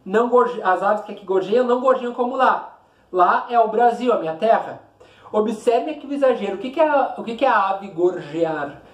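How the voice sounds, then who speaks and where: Brazilian literature teacher reading poetry aloud. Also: male voice, high-pitched, animated, roomy sound, dull audio. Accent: Brazilian Portuguese. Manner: explains in short phrases, asks rhetorical questions, recites verses slowly. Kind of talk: classroom lecture with poetry reading.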